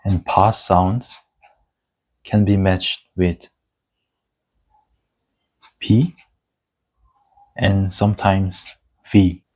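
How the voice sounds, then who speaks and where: A man with Korean as his first language, teaching an online lesson in a slow, deliberate explaining manner, spelling out letter sounds. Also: sits low, level tone, darkish tone.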